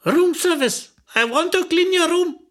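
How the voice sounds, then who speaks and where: A woman voicing a loud hotel maid who insists in English on cleaning the room. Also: extremely high pitch, measured pace, voice pushed up. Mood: puzzled.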